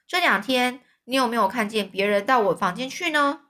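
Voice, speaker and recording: A woman's voice: a little high, expressive, fairly quick, sharp tone. A woman voicing a suspicious old con man posing as a king, speaking grudgingly. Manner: interrogating, grudging.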